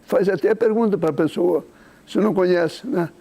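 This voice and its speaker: A man on a talk show who readily agrees and explains things calmly. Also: high voice, normal speed. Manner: agreeable, keeps saying "exato", explains calmly. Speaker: studio guest. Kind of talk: casual talk-show conversation.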